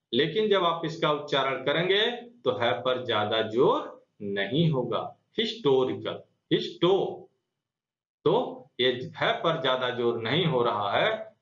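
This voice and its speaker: A man's voice: mid-range voice, fairly bright tone. A man teaching a grammar lesson. He asks the class questions, answers them himself and repeats the key words. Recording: roomy, dull lo-fi sound.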